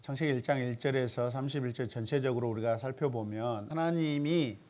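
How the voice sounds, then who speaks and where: A man in the role of pastor teaches a Bible study seminar at a church and draws his audience in. He puts questions to the room, waits for the answers and echoes them back. His voice sits at an ordinary middle pitch for a man. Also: brisk, a little mellow. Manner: asks the audience questions and repeats their answers.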